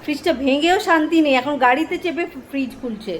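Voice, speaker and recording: A woman's voice: high-pitched, quick pace, slight background noise. A woman, vlogging at home as a mother who scolds her toddler in an exasperated, half-joking way. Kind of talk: casual scolding vlog.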